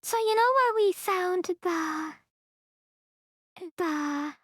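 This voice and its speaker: Giggly young woman streamer, really high voice, talks slow and bubbly. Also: animated, no room sound, clean studio sound. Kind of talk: casual gaming chat.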